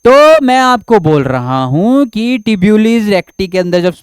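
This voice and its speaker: High-voiced man teaching biology at a board. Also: animated, slow pace, clear, resonant tone, dry recording. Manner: repeats questions and answers them himself, reassuring. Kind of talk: classroom lecture at a board.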